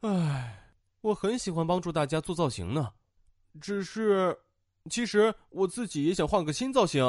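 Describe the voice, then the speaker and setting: A man voicing a gentle, shy male flour character in a children's audio story, talking softly with sighs. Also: high-pitched, animated, takes it slowly, pauses often, no echo, clean studio sound. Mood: wistful. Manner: soft, wistful, sighing.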